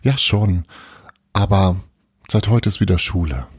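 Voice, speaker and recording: A man's voice: low voice, measured pace, husky, dry recording, studio quality, exaggerated voice. Man doing a shy young schoolboy. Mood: polite.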